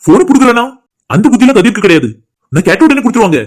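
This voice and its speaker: Cartoon role: a man doing a smug young groom, high-pitched, teasing, rapid-fire. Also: big pitch swings. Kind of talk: cartoon voice acting.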